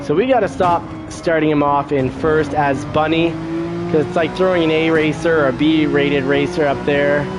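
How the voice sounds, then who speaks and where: A man giving casual commentary while playing a racing game, chatty and thinking aloud, getting excitable when he crashes. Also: a little high, moderate pace. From Canada. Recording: audible car game noise behind voice. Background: racing game car sounds.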